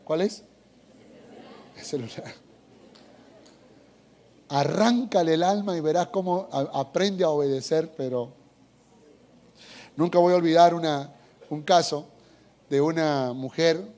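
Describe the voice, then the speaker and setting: A man's voice: on the high side, takes it slowly, pauses often. A middle-aged man, a pastor preaching a sermon and telling stories, acting out voices and asking the congregation. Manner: animated storytelling, acts out voices, asks the congregation.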